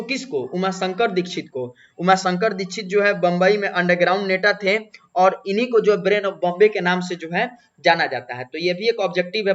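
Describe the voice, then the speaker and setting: A man with a fairly high voice teaches a textbook chapter, retelling each passage in his own words and then going over it again for students. The recording is dull and lo-fi. He keeps stopping to mark what will come up in the exam. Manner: paraphrases then repeats exam points. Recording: dull lo-fi sound.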